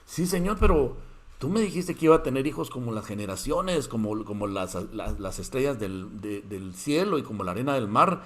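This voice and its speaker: A pastor voicing the old patriarch Abraham as anxious and pleading, his voice raised higher and flustered. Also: expressive, moderate pace, fairly bright tone, natural voice. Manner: high-pitched, pleading, flustered.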